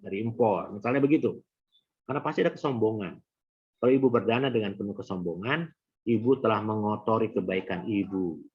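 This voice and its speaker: Middle-aged male teacher, husky low voice, chatty lecture tone, dull lo-fi sound. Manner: conversational, addresses audience directly. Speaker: Abhidhamma teacher. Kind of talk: Buddhist class lecture. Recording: dull lo-fi recording.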